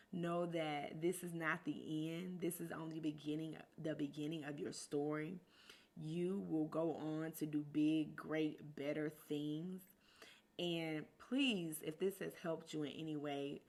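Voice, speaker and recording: Low, gravelly-voiced woman podcast host. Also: a bit bright. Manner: earnest, repeats words for emphasis. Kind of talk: encouraging faith-based monologue.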